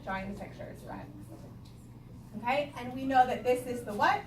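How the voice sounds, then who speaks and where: An elementary school teacher with a somewhat high voice reads aloud to young children at normal speed, pausing to explain and ask them questions in an instructional way. The recording is echoey and noisy, with a distant mic.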